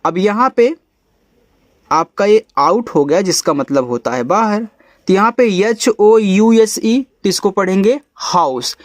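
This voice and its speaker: A man with a high, bright voice gives a step-by-step phonics lesson. He spells out each word letter by letter, slowly and a little louder, then sinks low and quiet to say the word. The sound is dry and close to the mic. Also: expressive, no echo. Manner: coaxing, checks in with "ठीक है?". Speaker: English teacher.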